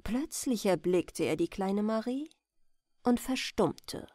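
Reading a scripted bedtime fairy tale for an audiobook, this female narrator uses a mid-range voice and an expressive, unhurried storytelling style. The sound is clean studio audio with no audible room.

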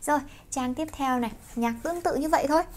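A young Vietnamese woman teaching English through songs, explaining quickly and slowing down to sing lines. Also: high voice, a little mellow, a little hiss or hum. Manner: quick explanations broken by slow sung lines. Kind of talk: song-based English pronunciation lesson.

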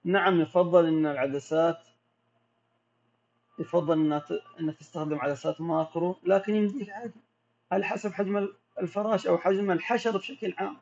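A man with a Gulf Arabic accent, a macro photographer who answers viewer questions in a relaxed, explanatory way during a casual live Q&A. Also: high voice, a little fast, slight background noise. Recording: dull lo-fi audio.

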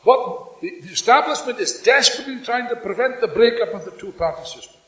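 An older man giving a fiery revolutionary speech at a stand microphone in a hall, speaking emphatically and deliberately with repetition and dramatic pauses. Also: extremely high pitch, lively intonation, recorded from a distance. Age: 60s or older. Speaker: political speaker at a congress. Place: indoor hall before a seated audience. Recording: echoey hall public-address sound.

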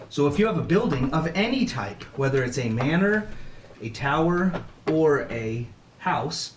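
A man explaining the rules of a board game to players at a table in a casual, chatty way, laughing often. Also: medium pitch. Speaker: game teacher. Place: room around a table game. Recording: echoey room from a distance, faint noise.

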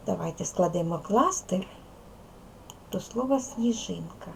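A woman teacher with a Ukrainian accent gives a recorded lesson to small children, slow and patient. Her voice has a strong gravelly fry, and a faint hiss sits under the recording. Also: mid-range voice, lively intonation, darkish tone, rough recording. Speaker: primary school teacher. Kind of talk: video lesson for young pupils.

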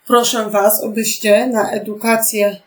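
Slow, patient woman teacher. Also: mid-range voice, little pitch movement. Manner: slow, patient, clearly articulated instructions; gently addresses pupils with questions. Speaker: primary school teacher. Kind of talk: remote lesson for young children.

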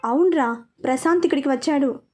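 A woman's voice: sits high, fairly quick, darkish tone, faint music behind, close to an everyday voice. A woman voicing a fussy, flustered middle-aged mother in a story.

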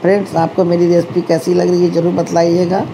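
A woman's voice: fairly low pitch, level tone, fairly quick, background noise. A woman hosting a home cooking tutorial, talking chattily to her viewers, calling them friends and often correcting herself. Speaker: cooking channel host. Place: home kitchen.

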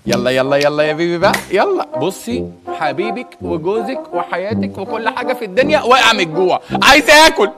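A man's voice: sits high, expressive, fast, few pauses, loud music behind the voice. A man with an Egyptian accent acting an exasperated husband in a comedy sketch, ranting and teasing. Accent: Egyptian Arabic.

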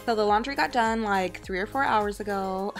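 A woman's voice: mid-range voice, moderate pace, loud music behind the voice. A woman in her thirties, a mother, chatting casually to her viewers in a home voice-over. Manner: chatty, upbeat, talks straight to viewers. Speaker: vlogger, mother.

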